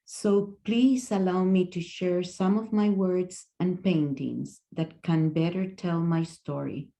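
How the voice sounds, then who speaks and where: A Chilean woman in her sixties gives a talk over a video call in a low, gravelly voice. She speaks slowly with a mellow tone, pausing often with fillers and restarting her sentences. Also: steady tone. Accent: Chilean Spanish. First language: Spanish. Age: 60s. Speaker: guest speaker. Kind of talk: presentation talk.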